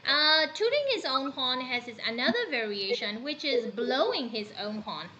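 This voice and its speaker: Lively high-voiced woman teacher. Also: moderate pace, lo-fi sound. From Myanmar. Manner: animated, asks students questions, switches into Burmese. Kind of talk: classroom lesson.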